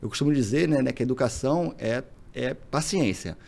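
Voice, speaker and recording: A man's voice: medium pitch, fairly quick, vocal fry. A man with a Brazilian Portuguese accent, a single father chatting as a podcast guest and acting out bits of dialogue as he tells stories. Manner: animated storyteller, acts out dialogue. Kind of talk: casual interview chat.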